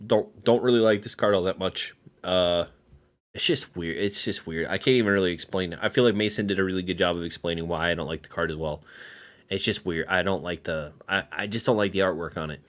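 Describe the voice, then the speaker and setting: A man's voice: deep voice, fairly quick. A man hosting a casual reaction video, giving blunt, dismissive opinions and laughing often.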